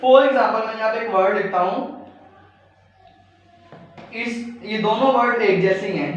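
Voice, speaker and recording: A man teaching English pronunciation in a recorded video lecture, patiently explaining and spelling words out letter by letter. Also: high voice. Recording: very echoey room, distant mic, dull sound.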